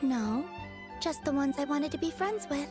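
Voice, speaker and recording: An actress voicing a gentle, naive young woman in a video game, polite, earnest and matter-of-fact. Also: high-pitched, lively intonation, normal speed. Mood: innocent, matter-of-fact. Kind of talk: video game character dialogue. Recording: background music under the dialogue.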